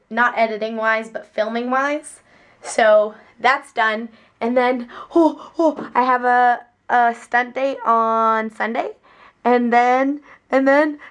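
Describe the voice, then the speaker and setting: A young woman with a slightly raspy voice, vlogging in a chatty, giggly, rambling way from a film set where she works as a stunt performer. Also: a little high. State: voice sounding raspy. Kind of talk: casual vlog chat.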